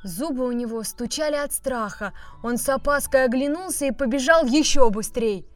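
A woman storyteller reading a children's fairy tale aloud, slowly and expressively. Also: high voice. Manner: slow, expressive, bright character voices. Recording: faint background music.

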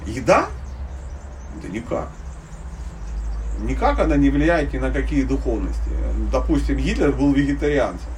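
This Ukrainian man from Dnipropetrovsk is a spiritual teacher speaking live to a group in an informal religious lecture, blunt and conversational, with slangy wording and humorous illustrations. His voice is medium-pitched and darkish, with big pitch swings, a moderate pace and long pauses. A distant microphone picks him up over faint background noise.

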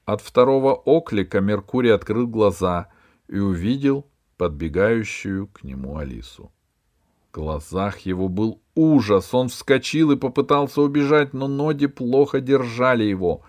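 A man narrating a children's adventure audiobook in an even storytelling manner. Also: lowish voice, normal speed. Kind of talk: scripted narration.

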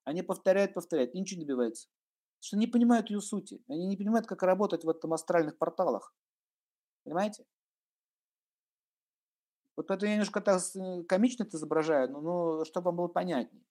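Animated man lecturing with jokes. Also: sits high, fast, pauses often. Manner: animated, joking, acts out little scenes. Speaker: esoteric teacher and astrologer. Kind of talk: humorous spiritual lecture.

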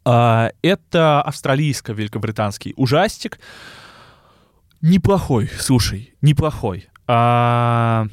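A man co-hosting a casual podcast, with a burred R and a slight lisp, speaking haltingly and often interrupting himself. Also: mid-range voice, animated, no echo, studio quality. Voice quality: burred R (rhotacism). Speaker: podcast co-host.

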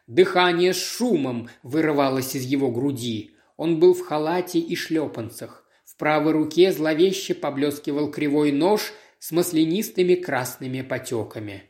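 Measured audiobook reader in a roomy space. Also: medium pitch, darkish tone. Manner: measured, dramatic reading. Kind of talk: scripted narration. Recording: roomy echo.

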